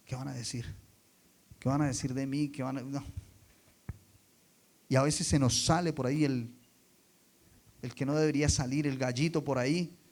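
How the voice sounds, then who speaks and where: A man preaching a sermon, dropping quiet and then rising loud for emphasis, and putting rhetorical questions to the congregation. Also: fairly high pitch. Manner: expressive, swings between soft and loud for emphasis.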